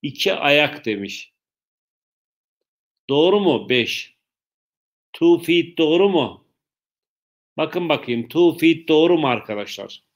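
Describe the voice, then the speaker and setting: A man's voice: a little high, expressive, slow pace, pauses often. A man teaching an English lesson live online to schoolchildren, greeting pupils by name and quizzing them with repeated questions. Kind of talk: live online class for children.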